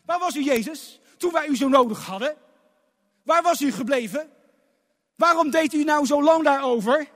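A man's voice: extremely high pitch, normal speed, pitched above the performer's own voice. A man voicing a grieving, indignant woman. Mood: anguished reproach. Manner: loud, pleading and reproachful. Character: grieving indignant woman pleading with her Lord. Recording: long hall reverb.

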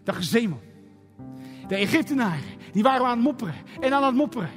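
A man's voice: very high voice, lively intonation, rapid-fire. A middle-aged man preaching a sermon as a pastor, emphatic and full of rhetorical questions. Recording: echoey hall with faint music.

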